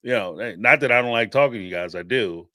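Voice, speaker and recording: Lowish and quick, this man's voice has no room sound at all. He's a Northeastern US host with a Philly accent running a live-stream call-in show, animated and rambling, with frequent laughs and plenty of fillers.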